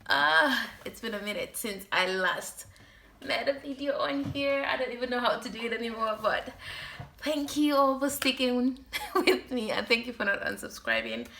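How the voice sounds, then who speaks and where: A woman's voice: fairly high pitch, animated, normal speed, vocal fry, pushed and bright, slight background noise. A young woman vlogger telling a personal story in a casual, chatty way, speaking with a sore throat. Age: young adult.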